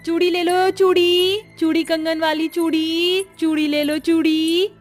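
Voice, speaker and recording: A hardworking young bangle seller in a cartoon story, as a woman narrator puts her on, earnest and kind. Her voice sits fairly high and bright. Faint music plays underneath. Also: animated, normal speed. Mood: calling out. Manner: bright, earnest, street-vendor calls.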